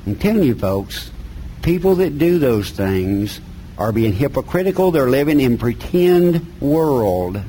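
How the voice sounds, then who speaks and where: A man's voice: medium pitch, very animated, measured pace, dark tone, low-quality recording. Folksy Appalachian preacher man with background noise. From mountains of North Carolina, USA. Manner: folksy, plain-spoken, colloquial grammar. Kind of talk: sermon with scripture reading.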